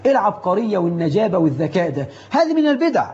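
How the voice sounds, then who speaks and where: A man preaching in an Egyptian Arabic accent, giving a religious lesson on prayer in a lively, rhetorical way that mixes classical and colloquial speech. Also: high-pitched, racing, muffled recording.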